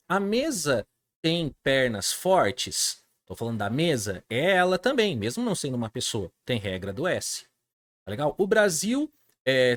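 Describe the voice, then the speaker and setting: A man's voice: medium pitch, dry recording. A man with a Brazilian Portuguese accent teaching an English class online in an informal way, often checking in with his students. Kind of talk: live online class lecture.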